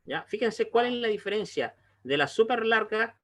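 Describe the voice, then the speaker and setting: A man with a slightly high-pitched voice gives an online language lesson. He explains in a slow, patient way and keeps stopping to check that his students are following. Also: lively intonation. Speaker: Hebrew teacher.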